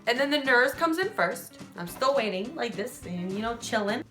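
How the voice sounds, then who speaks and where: Young woman vlogger, casual and animated, with a lively, high voice. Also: normal speed, soft background music. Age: young adult. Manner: animated, casual, swears freely. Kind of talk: storytime vlog.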